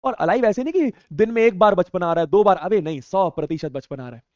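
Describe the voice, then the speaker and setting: A man's voice: high-pitched, expressive, fast talker, darkish tone, dry recording. A young man teaching an online class, chatting casually and teasing as he reads out viewer comments in a playful, slangy way. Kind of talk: casual live chat reading viewer comments. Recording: dull, dry sound.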